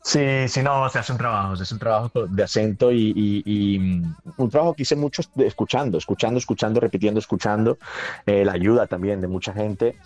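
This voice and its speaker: A middle-aged Venezuelan actor with a softened, near-Colombian accent, telling stories in a casual interview, repeating himself often and restarting sentences. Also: male voice, on the low side, brisk, no room sound, soft background music. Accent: Venezuelan, neutralized toward Colombian. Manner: animated storytelling, many repeats and restarts, laughs often.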